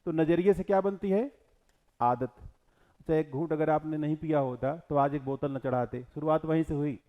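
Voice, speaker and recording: A middle-aged man lectures a class and poses questions that he answers himself. His voice sits a little high for a man. The recording is muffled and lo-fi. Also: moderate pace. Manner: explains verse line by line, asks and answers his own questions. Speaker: teacher.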